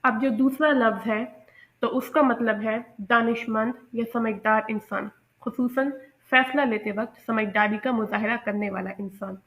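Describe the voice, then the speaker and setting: A woman teaching English pronunciation in a patient, explanatory way, repeating each example word slowly. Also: fairly high pitch, fairly even intonation, fairly bright tone. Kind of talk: explanatory lesson.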